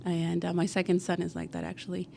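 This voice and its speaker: Chatty woman from Guatemala, low-pitched. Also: completely flat delivery, fast, vocal fry, dark tone, slight background noise. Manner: chatty, many fillers like "like" and "you know". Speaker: guest, cleaning company founder. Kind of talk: casual podcast interview.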